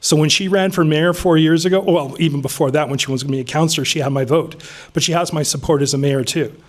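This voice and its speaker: Speaking quickly and without a script, a Vancouver man in his fifties campaigns for city council before an audience in a meeting room. His voice sits a touch higher than most men's, and his earnest, plain delivery is full of ums and small restarts.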